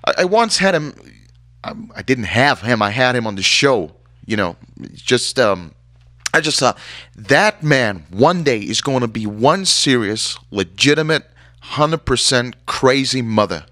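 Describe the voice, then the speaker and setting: A man's voice: medium pitch, expressive, unhurried, sharp tone, no room sound, clean studio sound. An actor playing a rambling, sarcastic radio DJ who stumbles over his words as he banters. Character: rambling, irreverent male radio DJ.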